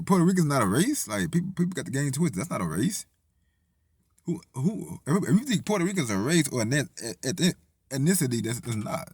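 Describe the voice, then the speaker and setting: Here the same Tennessee vlogger sounds fairly low with a breathy edge, captured dry at studio quality. His talk wanders and swears freely, full of false starts and repeated "you feel me" asides.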